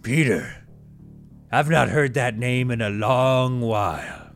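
A man playing a crazed, jolly yet menacing mall Santa in a comedy sketch, booming and theatrical. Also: takes it slowly, soft background music. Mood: sly. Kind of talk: comedic sketch acting over music.

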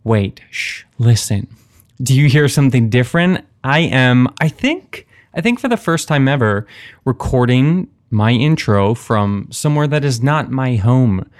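A man's voice: mid-range voice, animated, measured pace. A man hosting a podcast in a playful, wry, self-interrupting way, mixing a scripted comedic intro with chatty asides. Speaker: podcast host. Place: basement away from usual home setup.

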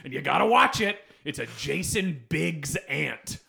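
A man's voice: fairly high pitch, lively intonation, unhurried, vocal fry, bright, forceful tone, slight background noise. A man hosting a casual comedic chat, sarcastic and riffing in mock-grand asides. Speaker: podcast host.

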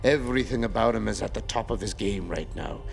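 A man's voice: lowish voice, fairly quick, creaky, soft background music. A man playing a warrior in a tabletop game, counting moves and narrating his character's heightened senses. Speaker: player. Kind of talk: tabletop role-play.

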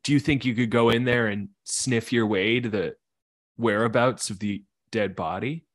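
A man's voice: mid-range voice, moderate pace, no echo, voice pushed down, natural voice. A man doing a daring neighborhood kid. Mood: scheming.

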